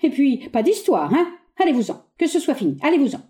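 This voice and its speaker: Haughty exasperated gentleman, read by a woman. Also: high-pitched, very animated, brisk, voice pushed up. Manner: condescending, sharp, exclamatory. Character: indignant middle-aged gentleman, haughty and exasperated. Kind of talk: reading a stage play aloud.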